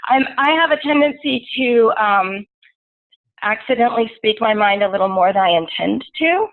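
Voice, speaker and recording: A hoarse woman from the American South, a guest poet who talks candidly with frequent fillers and pauses. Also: on the high side, animated. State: hoarse from a cold. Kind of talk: casual interview chat. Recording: tinny phone-like line.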